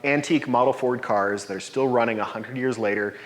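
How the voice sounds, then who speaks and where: A man in his forties gives a conference talk from a podium in a dark lecture hall. His voice sits at a middle pitch, explanatory and upbeat. A long reverb trails behind every phrase, picked up by a distant podium mic. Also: a little fast. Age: 40s. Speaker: presenter.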